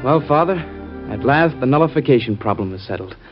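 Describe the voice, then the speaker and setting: A man plays an affectionate, respectful grown son in an old radio play. The voice is mid-pitched, on a dull recording with music clearly present. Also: lively intonation, brisk, lightly acted. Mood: warm, earnest. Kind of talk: 1940s radio acting.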